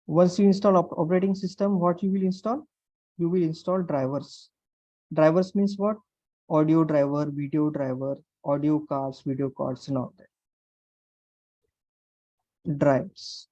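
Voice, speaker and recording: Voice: mid-range voice, steady tone, normal speed, warm tone, dry recording, lo-fi sound. An instructor with an Indian English accent teaching an online class step by step, repeating phrases and checking understanding with questions. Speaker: programming instructor. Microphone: online class call microphone.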